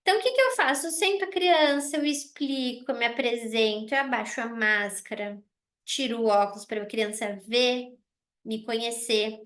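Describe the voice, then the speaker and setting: Woman dentist, high voice, warm casual explainer, restates each point. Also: normal speed. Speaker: dentist presenting a wellness oil kit for children. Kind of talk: casual online presentation.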